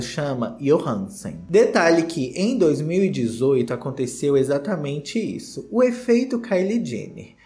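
A man's voice: on the high side, darkish tone. A man in his thirties with a Brazilian accent, giving casual gossip commentary in a sassy, theatrical, slangy way. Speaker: commentary video host. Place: small indoor home studio.

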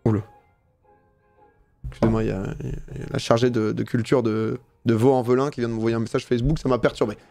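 A man's voice: medium pitch, level tone, fast, vocal fry, pauses often, mellow, soft background music. A man commentating a live gameplay stream in a casual, slangy way, swearing freely and reading game text aloud between remarks.

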